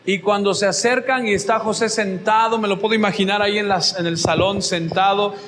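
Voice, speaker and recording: A man preaching a sermon as pastor, telling Bible stories with lively energy and acting out the scenes. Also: high voice, brisk, echoey room, big-room sound, a little hiss or hum. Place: church.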